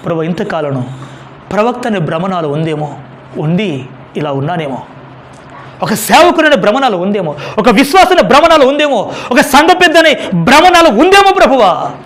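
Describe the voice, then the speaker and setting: Brief: a preacher acting out a broken male prophet, pleading confession, high voice. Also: very animated, moderate pace, fairly bright tone. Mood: pleading lament. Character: weeping repentant male prophet praying.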